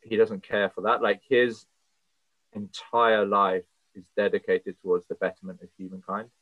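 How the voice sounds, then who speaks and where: A man's voice: lowish voice, level tone, moderate pace, dry recording. A man speaking as a podcast guest, earnest and passionate, thinking aloud with fillers as he goes. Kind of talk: earnest conversational interview. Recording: tinny phone-like line, dry.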